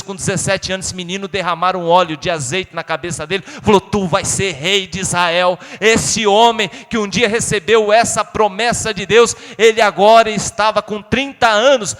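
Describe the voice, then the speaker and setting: High-voiced preaching pastor in a reverberant church. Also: male voice. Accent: Brazilian Portuguese, São Paulo state. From Brazil. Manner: preaching with dramatic swings between loud calls and hushed lines; addresses the congregation directly and asks them to repeat. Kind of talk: sermon. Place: church sanctuary.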